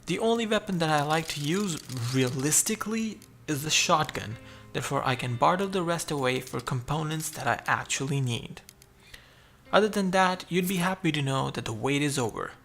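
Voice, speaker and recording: Man with a gravelly voice narrating gameplay. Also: a little high, lively intonation, moderate pace, fairly bright tone. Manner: chatty, explains his moves. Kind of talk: game playthrough commentary.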